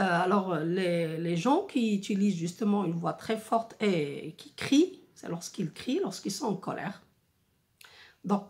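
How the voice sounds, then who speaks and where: A woman teacher talks through a lesson at an unhurried, measured pace. Her voice sits at a medium pitch, and she restates each point several times, pausing on filler sounds as she searches for words. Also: a little mellow. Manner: slow, deliberate, repeats and rephrases with many fillers. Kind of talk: slow explanatory French lesson.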